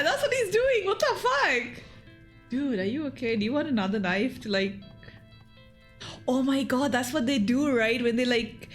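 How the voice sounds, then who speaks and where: Higher-voiced, giggly woman streamer. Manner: rambling, giggly. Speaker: game streamer. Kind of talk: casual, sweary game commentary.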